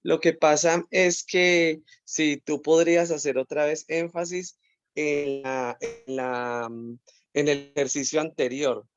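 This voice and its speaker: Taking it slowly in a steady, high-leaning voice, a Colombian-accented course participant asks hesitantly about a spelling rule, apologizing and repeating words. The video-call audio is dry and dull, with slight background noise.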